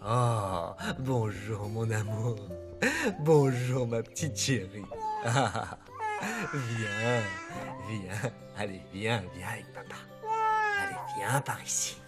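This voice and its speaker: A man's voice: mid-range voice, expressive, normal speed, loud music behind the voice, close to an everyday voice. A male dub actor playing a scornful estranged father in a telenovela, sneering and sarcastic toward his ex. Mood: tender. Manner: mocking and sarcastic. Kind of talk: dubbed telenovela acting.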